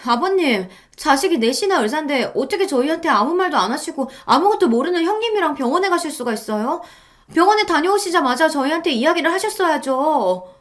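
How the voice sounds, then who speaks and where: A woman puts on a sharp-tongued young woman with a raised, whining pitch. She complains in a reproachful way, pitched well above the narrator's own voice. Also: animated, brisk. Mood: resentful. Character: resentful young wife, a doctor, sharp-tongued.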